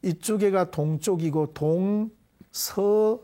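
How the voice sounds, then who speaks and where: A middle-aged man leading a Buddhist prayer and explaining scripture terms to a class in a deliberate, measured way. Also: sits high, mellow. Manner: deliberate, measured, leads call-and-response repetition. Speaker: Buddhist dharma teacher. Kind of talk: devotional prayer and explanatory dharma lecture.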